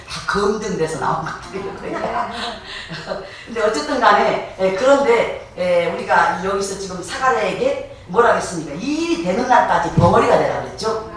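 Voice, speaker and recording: A woman pastor preaching a sermon in a lively, animated way, laughing often and acting out biblical voices. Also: mid-range voice. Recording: echoey hall, voice from far off, faint noise.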